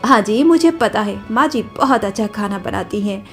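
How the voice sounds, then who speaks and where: A woman's voice: medium pitch, expressive, moderate pace, soft background music, natural voice. A young woman voicing a caring, coaxing daughter-in-law in a cartoon story. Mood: sweet.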